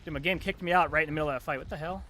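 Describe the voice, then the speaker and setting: A young man ranting through a live game stream, his voice bright and pushed forward, slightly high for a man. He swears freely and breaks into sudden loud outbursts. A faint hiss sits under the mic. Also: very fast.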